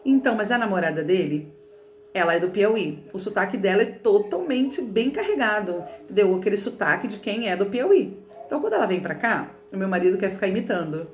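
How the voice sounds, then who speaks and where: With a mid-range voice that swings widely in pitch, a Rio de Janeiro teacher talks fairly quickly in a roomy-sounding space. She leads a remote textbook lesson in Carioca Portuguese, chatty and explanatory, peppering it with "né" and "tá bom."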